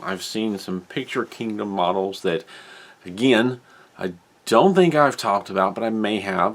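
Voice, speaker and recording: A man's voice: lowish voice, a bit bright. A man hosting a casual hobby news update, rambling and correcting himself as he reads out model details. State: has the hiccups. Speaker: hobby channel host. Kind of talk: casual solo news commentary.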